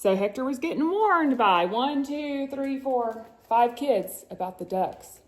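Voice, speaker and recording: A mother reads a picture book aloud to her sons, theatrical and suspenseful, often drawing out words and breaking off for chatty asides. Her voice is high, animated and darkish, and she takes her time.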